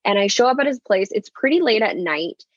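A woman's voice: medium pitch, animated, brisk, breathy edge, no echo. A woman guest telling a personal story over a video call, chatty with lots of fillers. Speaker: podcast guest. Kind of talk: casual storytelling. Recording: dull, dry video call audio.

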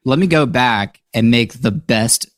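A man's voice: mid-range voice, a little slow, dry recording. A man with a mid-range voice talks shop on a tech podcast with eager enthusiasm. He is recorded close to the mic in a dry, dead-sounding room. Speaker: podcast co-host. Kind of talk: casual tech chat.

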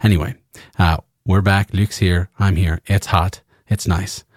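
Low-voiced man rambling on a podcast. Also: steady tone, a little slow, dry recording, clean studio sound. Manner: rambling, joking, swears freely. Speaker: podcast co-host. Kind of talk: casual chat.

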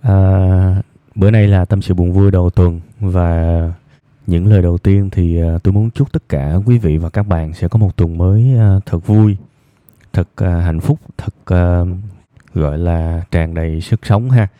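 A man with a southern Vietnamese accent hosting an evening advice programme, talking reflectively to listeners in a subdued, unhurried, deliberately low tone. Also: fairly even intonation, no echo. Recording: thin, phone-like band-limited sound.

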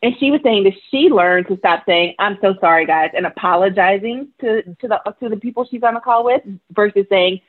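Mom on a podcast call, tinny phone sound, chatty and laughy. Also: female voice, medium pitch, fairly quick, few pauses. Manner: animated storyteller, laughs easily. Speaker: podcast guest, working mother. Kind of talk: casual interview talk.

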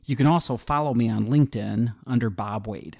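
A man's voice: mid-range voice, a little fast, gravelly, dark tone. A man hosting a solo podcast, explaining healthcare law in a methodical, explanatory way with occasional restarts. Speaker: podcast host, healthcare attorney.

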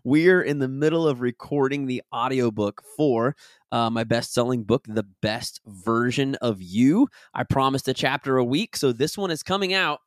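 A man hosting a podcast and coaching his listeners, chatty and upbeat, his voice raspy as he recovers from being sick. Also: mid-range voice, moderate pace, dry recording, clean studio sound. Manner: upbeat and enthusiastic; chatty and rambling. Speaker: podcast host and business coach. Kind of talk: casual podcast talk and reading from his own book.

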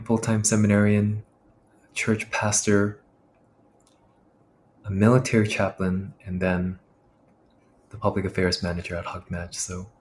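Reflective male pastor guest, lowish voice, slight hiss behind. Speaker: pastor and military chaplain. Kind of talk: podcast interview guest.

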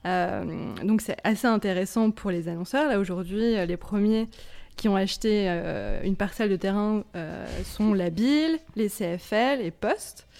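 A woman's voice: medium pitch, moderate pace, gravelly, darkish tone. Woman presenting news on a casual podcast.

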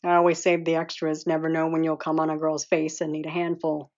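Audiobook bit: a woman doing a laid-back man, deep and murmured, on a slightly dull lo-fi recording. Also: completely flat delivery, fairly quick, a little mellow. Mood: easygoing. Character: relaxed adult man, easygoing and affectionate.

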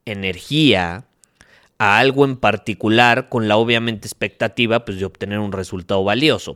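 A man's voice: lowish voice, fairly bright tone. Emphatic man preaching to listeners. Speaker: podcast host. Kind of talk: motivational monologue.

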